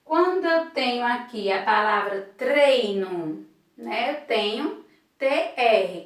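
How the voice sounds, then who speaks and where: A woman teacher from Brazil gives a lesson in a slow, patient voice, sounding out each syllable with care. Her voice sits a little high. It is recorded from a distance in a strongly echoing room. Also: a bit bright. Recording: echoey room, voice far from the mic.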